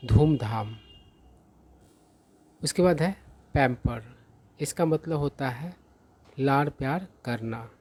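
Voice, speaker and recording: Slow, husky-voiced vocabulary teacher. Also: mid-range voice, darkish tone. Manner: patient, explanatory, often checks in with "theek hai" and "hai na". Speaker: English teacher. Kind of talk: vocabulary lesson explained in Hindi.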